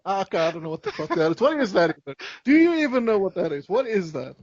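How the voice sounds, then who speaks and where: High-voiced man, heavy Afrikaans accent. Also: big pitch swings, fast. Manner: blunt, joking, swearing. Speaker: podcast co-host. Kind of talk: casual banter. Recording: dull, lo-fi online call.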